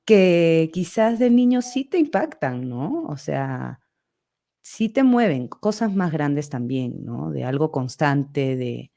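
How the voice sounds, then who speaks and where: A woman's voice: sits low, lively intonation, slow, gravelly, mellow. A young woman co-hosting a podcast, talking casually and hesitantly, searching for words and often adding "right?". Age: young adult. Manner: hesitant, searching for words, frequent tag questions. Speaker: podcast co-host, art teacher. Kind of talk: casual conversation.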